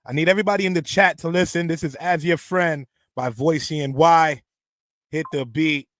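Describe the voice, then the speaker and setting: A man's voice: fairly high pitch, steady tone, moderate pace, fairly bright tone, no room sound. A man hosting a radio interview, talking straight to his online chat and steering the conversation with an upbeat manner. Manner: addresses the chat audience directly. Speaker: radio host.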